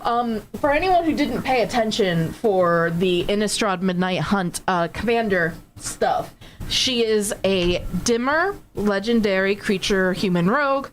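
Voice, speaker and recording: A woman's voice: medium pitch, expressive, a little slow, slight background noise. Playful woman co-hosting a card stream. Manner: playful, teasing. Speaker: stream co-host. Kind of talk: casual chat while opening card packs.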